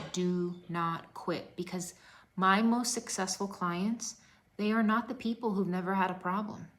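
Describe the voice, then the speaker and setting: A woman fitness coach giving an emotional motivational talk on a livestream, repeating key lines and dropping to whispers for emphasis. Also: deep voice.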